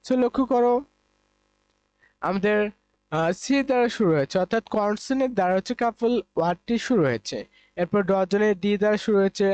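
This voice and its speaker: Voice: mid-range voice, darkish tone, dry recording. A teacher from Bangladesh giving an exam-prep English lesson, repeating points and answering their own questions. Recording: dull, dry voice-over recording.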